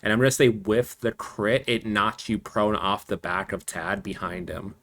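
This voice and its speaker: A man's voice: on the low side, moderate pace. Laid-back male game master. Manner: relaxed, explains rules, laughs easily. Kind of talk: running a tabletop game.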